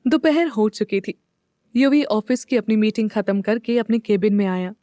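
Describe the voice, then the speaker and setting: A woman's voice: medium pitch, normal speed, warm tone, no room sound, studio quality. A woman narrating a scripted audio drama, reading all the parts herself.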